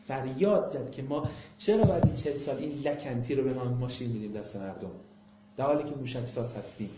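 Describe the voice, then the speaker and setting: A man's voice: mid-range voice, heavy background noise. A man giving an impassioned public talk, firing off rhetorical questions and mocking remarks, then taking questions from the audience. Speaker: lecturer. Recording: echoey room.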